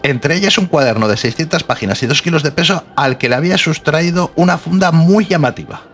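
A man's voice: on the high side, lively intonation, a bit bright, faint music behind. A man, co-hosting a podcast, wryly reading out odd news stories in casual comedic chat. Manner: fast, wry storyteller reading out odd news. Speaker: podcast co-host.

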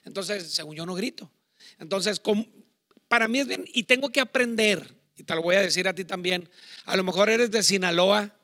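A middle-aged Mexican man preaching in a high, bright voice. He talks loud and chatty, wandering into asides, and the sound is dry and close. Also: normal speed, no echo. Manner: loud, self-admittedly talks shouting. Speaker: pastor. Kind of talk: sermon on marriage to online viewers.

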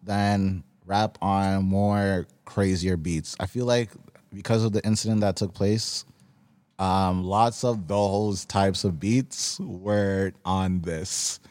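A man with a fairly low voice chats on a roundtable podcast. He talks in a laid-back way, pausing on fillers and restarting his sentences. The sound is dry and close. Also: fairly even intonation, a little mellow, no echo. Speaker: podcast co-host. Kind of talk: casual roundtable chat.

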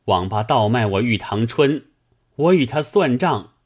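A man's voice: medium pitch, lively intonation, unhurried, a little mellow, breathy edge. A man voicing a lovestruck, hot-tempered young male scholar who speaks in an anguished, demanding way. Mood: distraught.

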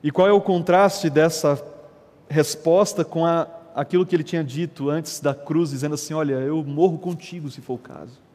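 A man preaching a sermon as a pastor, telling stories in a lively, conversational way. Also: fairly high pitch, moderate pace, big-room sound. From Brazil. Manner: animated, conversational preaching with storytelling.

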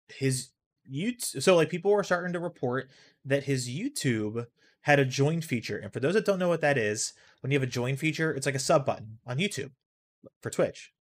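A man hosts a casual solo podcast at an ordinary middle pitch, talking in a loose, rambling flow with frequent fillers. He reacts out loud to a video game he is playing as he speaks and swears now and then. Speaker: podcast host.

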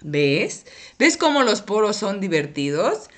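A woman voicing a bodiless, teacher-like guide in a children's cartoon, calmly explaining, over light music. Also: mid-range voice, slow. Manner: patient, explaining, occasionally scolding. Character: patient female guiding voice with no body. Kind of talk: children's educational cartoon acting.

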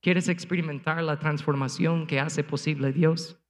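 A man's voice: a little high, steady tone, moderate pace, big-room sound. A man preaching a sermon as pastor, speaking emphatically with rhetorical questions and punchy sound effects before a congregation. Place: church sanctuary before a congregation, also streamed online.

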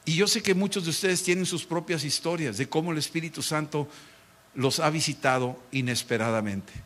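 A middle-aged pastor, preaching a dramatic sermon and acting out mocking voices. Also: male voice, fairly high pitch, fairly quick, a bit bright.

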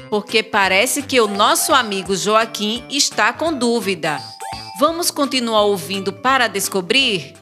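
A woman presenting a school lesson for children, speaking directly to the young listeners in scripted narration. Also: fairly high pitch. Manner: warm, addresses children directly.

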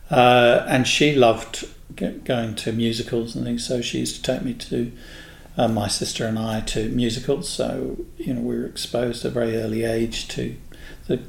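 A man in his sixties from England, a guest in an interview, telling unhurried stories about his past. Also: medium pitch, little pitch movement, creaky. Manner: unhurried, anecdotal storyteller. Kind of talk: reminiscing in a casual interview. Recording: echoey room with faint noise.

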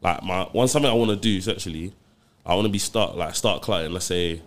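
A man's voice: sits low, fast talker. A man with a London roadman accent bantering casually in street slang as a podcast co-host.

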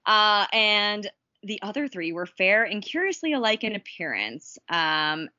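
A woman's voice: medium pitch, sing-song, measured pace, sharp tone, dry recording, highs cut off. A woman co-hosting a podcast in casual chat, reading history notes with lots of ums and giggles. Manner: chatty and giggly, reads notes with many ums. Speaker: podcast co-host.

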